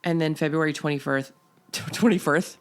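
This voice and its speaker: A woman's voice: low-pitched, steady tone, normal speed, smooth. A middle-aged woman co-hosting a podcast in casual chat, playful and teasing, often breaking into laughter. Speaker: podcast co-host.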